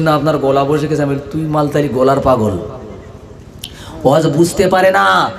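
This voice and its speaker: Male preacher, hoarse voice, high-pitched, long echo off the loudspeaker sound, storytelling sermon with chanting. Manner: storytelling, voices quoted people, breaks into melodic chant. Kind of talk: Islamic sermon with chanted Arabic. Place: stage at a large religious gathering.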